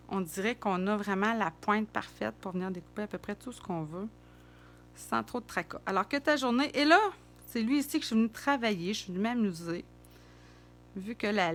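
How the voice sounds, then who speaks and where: A middle-aged woman with a Québécois French accent, chatting casually and thinking aloud as she demonstrates card making. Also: mid-range voice.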